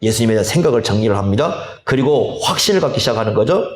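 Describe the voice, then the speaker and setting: A male pastor preaching a sermon, slow and deliberate, often asking the congregation rhetorical questions. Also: medium pitch, animated. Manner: slow, deliberate delivery with drawn-out phrases. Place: church sanctuary. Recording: echoey church hall.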